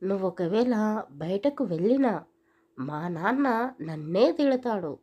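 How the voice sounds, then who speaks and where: A woman's voice: medium pitch, expressive, slow, warm tone, dull audio. A woman voicing a bossy young husband. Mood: scolding. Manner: scolding, curt commands. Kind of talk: audio story acting.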